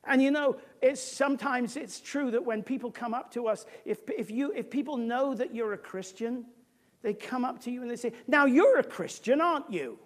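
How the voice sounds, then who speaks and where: A woman's voice: on the high side, normal speed, a little mellow. A woman preacher giving a sermon, explaining scripture emphatically with conversational asides to the congregation.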